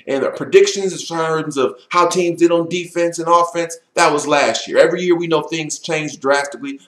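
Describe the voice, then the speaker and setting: Male, fairly high pitch, conversational locker-room pep talk for sports fans, motivational and emphatic, roomy echo on the recording. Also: fairly bright tone. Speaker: sports fan commentator. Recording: echoey room.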